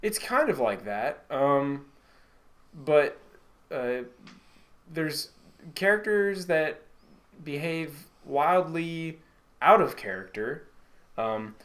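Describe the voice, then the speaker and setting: A man co-hosting a casual podcast chat, rambling and swearing freely, his sentences often trailing off quietly. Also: fairly high pitch, animated, drawn-out words, pauses often. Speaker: podcast co-host.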